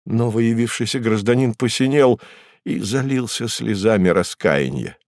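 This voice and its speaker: A man from Russia narrating a literary audiobook in a measured, expressive reading. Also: on the low side, no echo, clean studio sound.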